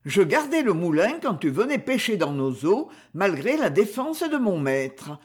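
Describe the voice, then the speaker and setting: A reader playing a gruff, bullying old miller. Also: mid-range voice, very animated, a little slow. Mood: scornful. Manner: scornful and threatening.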